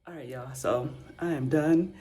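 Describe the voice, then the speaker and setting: A man in his fifties from the United States, vlogging casually about his travels in an unhurried, chatty way and repeating his exclamations. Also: fairly high pitch, slightly rough. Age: 50s. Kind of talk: casual travel vlog talk. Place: inside a car on a road trip. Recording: steady car and road noise behind.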